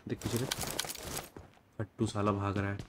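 A man's voice: on the low side, little pitch movement, moderate pace, noisy background. A young man, sick with a cold and fever, giving casual gameplay commentary and scolding an enemy player. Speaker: gaming streamer. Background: game music and gunfire.

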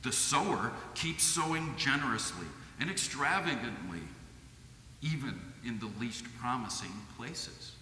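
A middle-aged man with a Midwestern American accent preaching a sermon from a lectern, in a measured, earnest way. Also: mid-range voice, expressive, sharp tone, slight background noise. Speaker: lay preacher. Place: church sanctuary with stained glass. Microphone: lectern microphone. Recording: echoey church hall.

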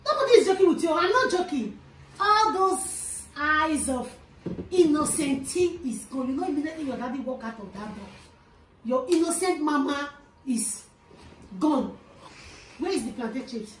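A woman's voice: high-pitched, lively intonation, a little slow, pauses often, far from the mic. A woman acting a harsh, scheming mother who scolds and commands the children in an amateur family skit. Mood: scolding. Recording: echoey room, off-mic, background noise.

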